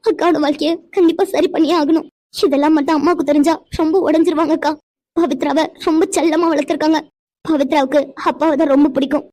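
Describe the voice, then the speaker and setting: A woman's voice: sits high, darkish tone, lightly acted. A woman voicing a worried young woman in a cartoon, talking anxiously about her sister's troubles. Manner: anxious, pleading. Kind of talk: Tamil cartoon voice acting.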